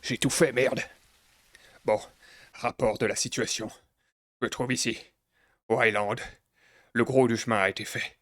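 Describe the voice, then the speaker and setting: A man's voice: lowish voice, no echo, studio quality. A man narrating his own game character in roleplay, theatrical, with sudden swearing outbursts. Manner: theatrical, swings between calm narration and outbursts of insults. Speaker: gamer roleplaying a dinosaur.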